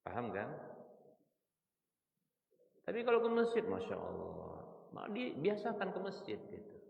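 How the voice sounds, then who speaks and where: A man's voice: medium pitch, huge pitch swings, a little slow, creaky. A middle-aged man with a Medan-area Indonesian accent preaching in a mosque, quizzing his listeners with rhetorical questions. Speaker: Islamic preacher. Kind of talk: mosque study sermon. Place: mosque hall. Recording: echoey, distant, muffled hall recording.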